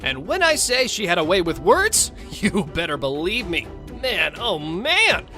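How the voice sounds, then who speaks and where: Sassy, lively woman narrator over music. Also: lowish voice, moderate pace. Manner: sassy, theatrical. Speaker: narrator of a court show recap. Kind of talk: playful dramatic scripted narration with slangy asides.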